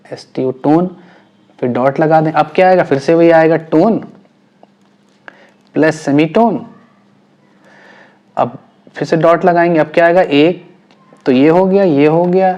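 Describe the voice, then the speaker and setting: A man's voice: a little high, mellow, lo-fi sound. Patient male music teacher explaining theory. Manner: patient, repeats points and checks understanding often.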